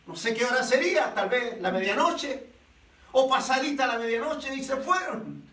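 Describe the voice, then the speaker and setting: Male preacher, sermon, very high voice, animated storytelling, rhetorical questions, echoey hall, distant mic. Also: moderate pace.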